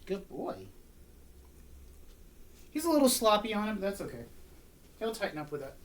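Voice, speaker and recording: A woman's voice: mid-range voice, very animated, quick pace, a little hiss or hum. A woman dog trainer talking casually through a training session, explaining each step as she goes. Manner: chatty, explains her steps aloud while training.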